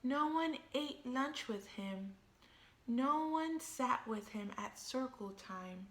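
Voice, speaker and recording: A woman reading a children's picture book aloud expressively, thinking out loud and pausing to put questions to young listeners. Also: a little high, animated, echoey room.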